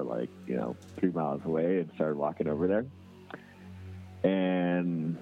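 Deep-voiced male caller over the phone. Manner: rambling, lots of fillers and restarts. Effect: heard over a phone line. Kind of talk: casual call-in storytelling. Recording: tinny phone line with faint music.

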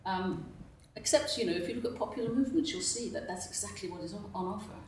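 A woman's voice: medium pitch, quick pace, a little hiss or hum. A woman speaking on a roundtable panel, thoughtful and full of "you know" fillers. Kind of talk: roundtable discussion. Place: conference room. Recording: roomy echo, mic far off.

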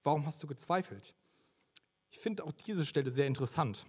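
A man's voice: fairly high pitch, fairly quick, husky. A young man preaching a conversational sermon, asking his listeners questions as he goes. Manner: lively, conversational, asks the audience questions.

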